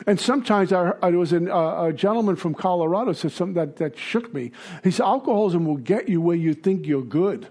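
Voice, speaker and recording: A man from Brooklyn with a Brooklyn accent, giving a blunt, halting personal testimony at a recovery meeting. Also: high-pitched, a little mellow. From Brooklyn, New York. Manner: blunt, halting, with many fillers.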